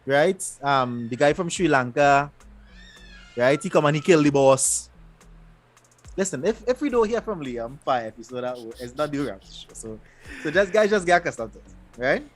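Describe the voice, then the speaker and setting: Animated man recapping a show. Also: fairly high pitch, moderate pace, soft background music. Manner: animated, loose storytelling with repeated restarts. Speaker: podcast co-host. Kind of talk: casual show recap chat.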